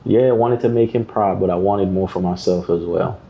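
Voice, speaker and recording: His deep, creaky voice moves a little fast, and the recording's high frequencies are cut off. The speaker is a Jamaican guest artist in a podcast interview who tells lively stories and mimics others' voices.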